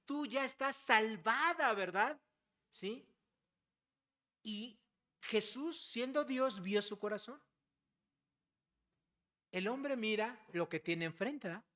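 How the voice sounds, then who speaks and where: Mexican accent, preacher, conversational sermon, mid-range pitch, keeps checking in with the congregation. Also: expressive, takes it slowly, long pauses, fairly bright tone. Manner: acts out everyday dialogues to illustrate points.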